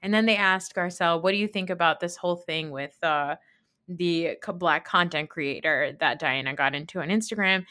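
Speaking at normal speed in a fairly low, pushed and bright voice, this podcast host in her thirties gives blunt, casual reality TV commentary. She swears plenty, retells things emphatically, and does impressions of the people she quotes.

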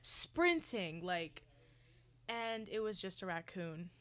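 A woman's voice: medium pitch, takes it slowly. A young woman co-hosting a podcast in casual chat, telling stories with gasps and the odd swear. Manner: lively storyteller, gasps and swears for effect. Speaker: podcast co-host.

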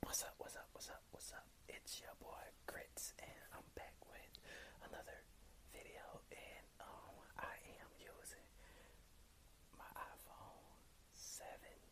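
A man hosting a casual whispered ASMR vlog, rambling and hesitantly correcting himself. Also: slow pace. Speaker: ASMR video host.

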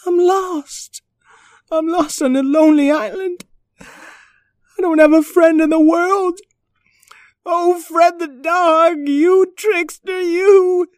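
A woman voicing a timid, excitable little boy puppy who talks in an anxious, eager whine. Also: a little slow, no echo, clean studio sound. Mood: lonely, scared. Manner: anxious, whiny, high and eager.

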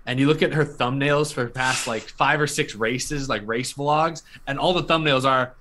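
A man co-hosting a casual live stream, giving relaxed opinions and dry jokes. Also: medium pitch, moderate pace, slight background noise. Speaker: co-host.

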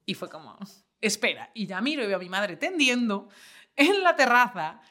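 Bright, lively young woman. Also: medium pitch, moderate pace. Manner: animated storyteller, acts out her own panic. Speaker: podcast host. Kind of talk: casual chat.

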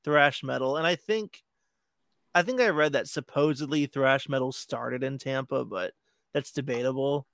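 Easygoing guy from florida on a podcast, kinda gravelly, mid pitch. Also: normal speed, fairly bright tone, no echo, clean studio sound. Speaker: podcast guest, band member. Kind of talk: casual chat.

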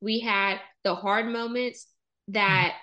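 A woman, hosting a podcast interview in an energetic, playful way. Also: mid-range voice, slow, dull audio. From Texas, US. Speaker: podcast host.

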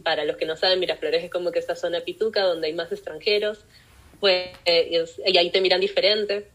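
A young woman speaks with a Peruvian Spanish accent and a somewhat low voice. She tells her story with animation as an interview guest, often slipping into the voices of the people she quotes. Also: fairly even intonation, fairly quick, a bit bright, low-quality recording. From Peru. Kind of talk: personal storytelling in a podcast interview.

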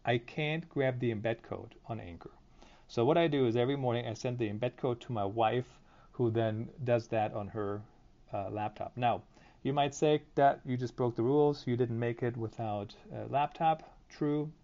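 Give the voice of a man hosting a podcast on his own, chatting informally and thinking out loud as he goes. His pitch is average for a man. He records through phone headphones used as a mic, so the sound is a bit dull and lo-fi. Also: moderate pace. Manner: informal, conversational, thinking aloud. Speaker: podcast and live stream host. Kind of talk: casual solo monologue. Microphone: phone headset, headphones used as mic. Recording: dull lo-fi phone headset audio.

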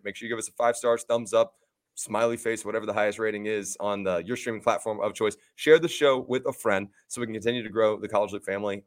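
A young man with a lilt co-hosts a sports podcast, talking fast with a fairly low voice. He rambles cheerfully, trips over his words and laughs them off. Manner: upbeat, rambling, laughs at his own stumbles. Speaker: podcast co-host. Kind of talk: casual podcast chat with ad reads.

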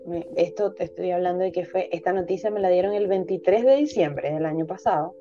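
A young woman with a very dark, mellow voice tells her story as a podcast guest, candidly and with plenty of hesitation. The audio sounds dull and lo-fi, and faint music plays underneath. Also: fairly low pitch, a little fast. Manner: candid, emotional, many hesitations. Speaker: guest, physician.

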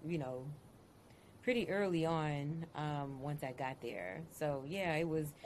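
A woman's voice: low-pitched, animated, takes it slowly, darkish tone, slight background noise. A woman from Dallas, a podcast guest speaking candidly and outspokenly in casual conversation. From Dallas, Texas.

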